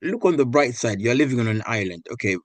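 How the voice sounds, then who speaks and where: A man's voice: mid-range voice, expressive, fast, no room sound. A man hosting an interview show, asking questions in a friendly, casual way with stammered starts. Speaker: podcast host. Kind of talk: interview host.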